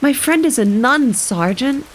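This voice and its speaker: A woman reading the part of a gentle, eager older woman in a novel reading. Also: high-pitched, expressive, a little slow, a little hiss or hum, voice pushed up. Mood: mild.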